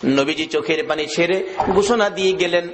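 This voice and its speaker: A man preaching a waz sermon, chanting in a sing-song way that rises into shouts. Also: fairly high pitch, moderate pace, slight background noise. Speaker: Islamic preacher.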